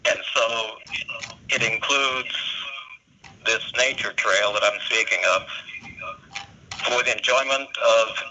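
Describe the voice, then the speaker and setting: A man heard over a phone held up to another phone, giving a slow, deliberate public comment at a meeting. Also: mid-range voice, steady tone. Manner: slow, deliberate, measured delivery. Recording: muffled lo-fi phone line with faint hiss.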